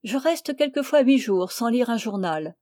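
A woman reading the part of a shy, reserved young country gentleman who answers in short, guarded replies, in a storybook reading. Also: a little high, animated, moderate pace, no room sound, clean studio sound, close to an everyday voice.

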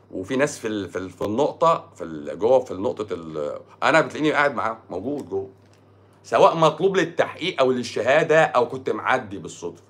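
A man with an Egyptian accent, a doctor answering viewer comments on a live stream in a sarcastic, mocking way. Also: mid-range voice. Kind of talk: casual live-stream talk.

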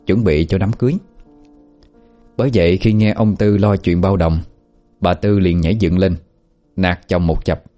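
A man narrating a scripted story in a steady storytelling manner. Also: low-pitched.

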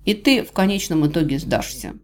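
A cruel villain god drawls his threats with slow, silky menace, as a woman reading a storybook puts him on. The voice sits low and a little louder than the narration, calm and mocking. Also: natural voice. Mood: menacing. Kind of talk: audiobook character voice.

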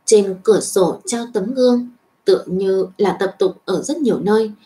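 A woman reading a web novel aloud as narrator, in an even storytelling voice with small lifts for dialogue. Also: medium pitch, normal speed.

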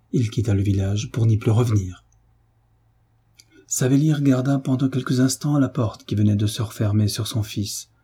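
A man narrating a classic novel in a measured, solemn audiobook reading. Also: fairly low pitch, dark tone, breathy edge. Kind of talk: scripted literary narration.

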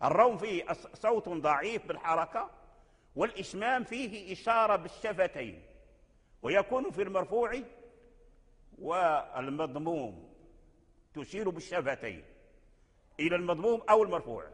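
A Moroccan man gives a lecture on Quranic readings, going back over each point patiently and stopping to chant verses slowly. His voice sits a little high for a man. The room rings with a long, echoing reverb. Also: very animated, fairly bright tone, slightly rough. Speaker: Quran recitation teacher.

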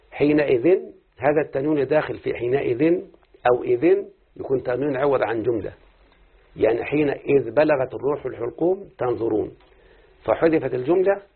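A male teacher gives a grammar lesson, checking in with his students through frequent questions. His voice is raspy with a gravelly edge. The recording is thin and tinny, like a phone line. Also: mid-range voice. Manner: quizzing students with rhetorical questions.

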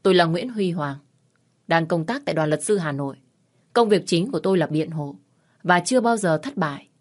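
In an audio story, a woman with a fairly low voice plays a young male lawyer. She makes him calm and confident, speaking in a measured way that carries a cool threat.

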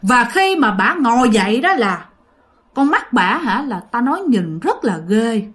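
A woman's voice: a little high, very animated, a little slow, fairly bright tone, husky. A woman telling a ghost story in a chatty way, speaking straight to her listeners. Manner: chatty, addresses listeners directly. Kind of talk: casual ghost story narration.

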